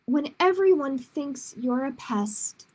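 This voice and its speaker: A children's librarian hosts storytime, reading picture books aloud in simple phrases and tossing casual asides to her listeners. Her voice is high-pitched, animated and slow, with a darkish tone.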